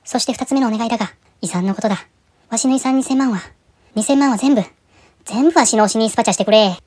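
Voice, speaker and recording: A woman's voice: on the high side, quick pace, a little mellow, slightly rough. A woman voicing an elderly father who reads out his will as an obsessed fan, in an old-man way of speaking. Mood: earnest. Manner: old-man speech, earnest yet silly.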